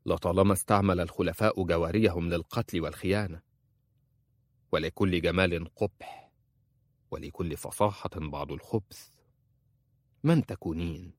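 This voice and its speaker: Brief: male narrator as a commanding, ambitious emir, slow and firm, dry close sound. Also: low-pitched, dry recording, lightly acted. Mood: guarded.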